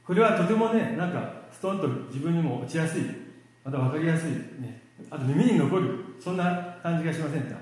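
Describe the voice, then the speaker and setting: A man giving a church sermon in a relaxed, self-deprecating, joking way, with many fillers and pauses. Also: a little high. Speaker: lay preacher. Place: church hall. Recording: very echoey hall.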